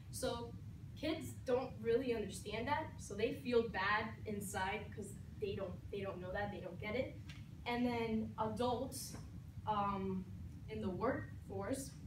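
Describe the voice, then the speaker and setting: Distant roomy young woman speaking earnestly. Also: mid-range voice. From Venezuela. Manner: earnest, halting with many fillers. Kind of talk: personal speech. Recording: roomy, distant mic with noise.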